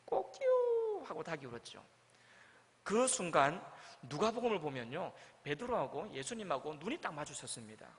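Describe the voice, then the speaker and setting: Animated pastor in a reverberant church. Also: male voice, brisk. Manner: storytelling, acts out quoted lines with big swings in pitch and volume. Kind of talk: sermon. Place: church sanctuary. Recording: church hall with long reverb.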